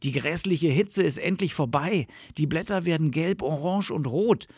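A man's voice: on the high side, moderate pace, a little mellow, husky, dry recording, clean studio sound, voice pushed up. A man voicing a fretful, complaining male fox in a storybook reading, in a raised, plaintive voice. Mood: dreamy.

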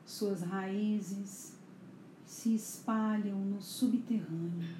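A woman guides a meditation in a very dark, soft-edged voice. Her delivery is soothing and hushed, as in a spa, and drawn out extremely slowly with long pauses. The recording has a roomy echo around her. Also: mid-range voice, steady tone. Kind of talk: slow guided meditation narration. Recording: echoey room, faint background noise.

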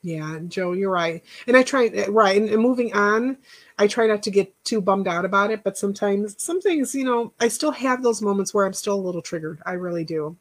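Hosting a casual live chat, a woman rambles and encourages, thanking viewers by name while her stuffy nose and increasingly hoarse voice show she is losing it. She speaks briskly at medium pitch.

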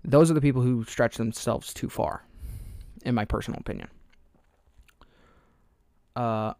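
Speaking a little slowly with vocal fry, a young man from Alabama hosts his podcast alone in a medium-pitched, slightly mellow voice and a fairly neutral American accent. The studio-quality recording has no room sound; he rambles casually off topic, loses track, makes fun of himself, and scatters in fillers and small laughs.

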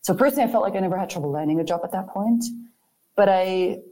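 Mellow woman. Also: medium pitch, fast talker, poor audio. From Germany. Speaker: guest, architect. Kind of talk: casual interview chat.

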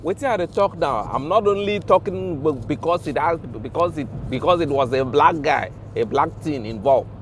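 A man's voice: fairly high pitch, normal speed, hardly any pauses, a little hiss or hum. A man with a Nigerian accent, mixing Pidgin and English in an indignant, impassioned vlog rant, swearing and repeating himself for emphasis. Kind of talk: ranting vlog monologue.

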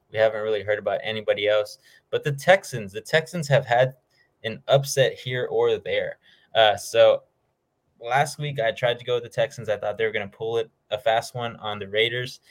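A man with a fairly low voice hosts a football picks show. He talks informally, in a casual, slangy way, as he moves through his predictions. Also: low-quality recording. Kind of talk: casual sports talk, game predictions.

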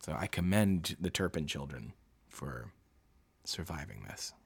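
A man hosting a book-reading show, talking through a true-crime story in casual, emotional commentary, halting and restarting often and swearing. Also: sits low, animated, creaky, breathy edge.

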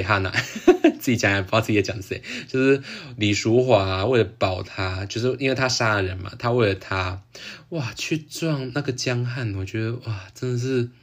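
A man with a Taiwanese Mandarin accent hosting a casual solo podcast chat, excitable, full of exclamations and laughing often. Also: medium pitch. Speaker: podcast host.

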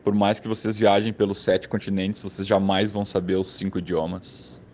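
A man's voice: sits low, flat delivery, moderate pace, darkish tone, natural voice. Guy doing a weird stranger making a dead-serious cryptic speech. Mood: solemn. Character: eccentric adult man with machete, cryptic.

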